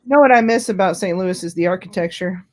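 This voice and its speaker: A woman's voice: fairly low pitch, fast talker. Snarky woman in her forties. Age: 40s. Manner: snarky, sarcastic, laughing. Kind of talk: casual live-stream chat.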